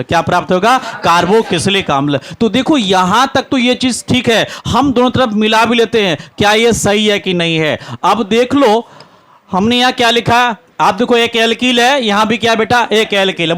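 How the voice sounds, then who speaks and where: A man with a Bihari Hindi accent teaching a chemistry lesson, constantly asking his class questions and answering them himself, calling the students "beta". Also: high voice. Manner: grows louder and excited, cheering students on. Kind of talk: classroom lecture, call-and-response.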